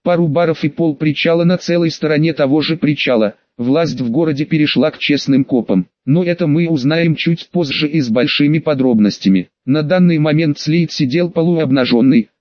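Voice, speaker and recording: A man narrates an audiobook in the first person, with a casual, brisk storytelling manner. His voice sits fairly high for a man. The recording is dry and somewhat dull. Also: no echo.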